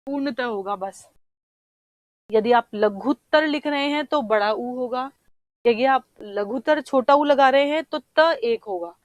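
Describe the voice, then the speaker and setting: A woman teacher works through an exam paper in a fairly high voice. She explains each answer patiently, stops to check that students follow, and sounds tricky words out slowly. The sound is dry and close, with little room around it. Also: dry recording, muffled recording. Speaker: Hindi teacher.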